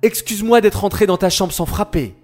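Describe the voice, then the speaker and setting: A man voicing an eager, curious young boy who asks excited questions in a children's story. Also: high-pitched, a little fast, soft background music, natural voice.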